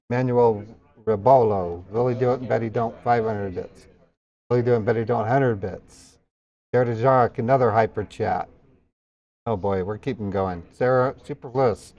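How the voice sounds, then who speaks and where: A male livestream host works through subathon hype, calling out donor names and amounts. His delivery is casual, with appreciative exclamations between the lists. His pitch is average, and the audio is slightly dull and lo-fi. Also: a little mellow. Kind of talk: subathon hype, rapidly reading out donations and thanking viewers.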